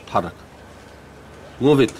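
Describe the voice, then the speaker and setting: An actor playing a jovial, easygoing company boss in a sitcom, speaking with an Egyptian accent and a hearty manner. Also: male voice, moderate pace, noisy background, close to an everyday voice. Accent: Egyptian Arabic. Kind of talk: sitcom acting.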